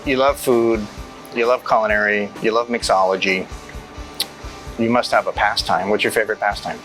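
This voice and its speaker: A man's voice: fairly low pitch, steady tone, moderate pace, a bit bright, low-quality recording. Upbeat male interview host. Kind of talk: casual interview. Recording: music playing underneath.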